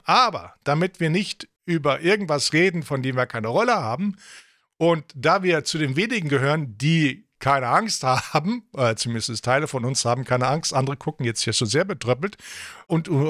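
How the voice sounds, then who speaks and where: A man's voice: on the high side, fairly bright tone, dry recording, studio quality. A man hosting a talk show, explaining a book in a joking, rambling way with many self-corrections. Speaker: host. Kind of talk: casual talk show discussion.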